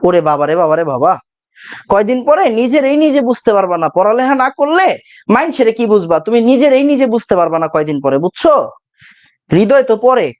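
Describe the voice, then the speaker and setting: A man's voice: very high-pitched, darkish tone. A male chemistry teacher, giving an exam-prep lecture. He repeats key phrases over and over, asking questions and answering them himself. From Bangladesh.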